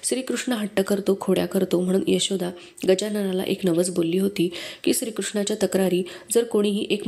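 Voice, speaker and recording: A woman voicing a calm, wise young boy who begs for alms, speaking gently and slowly. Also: mid-range voice, gravelly, close to an everyday voice. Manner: slow, measured, gentle.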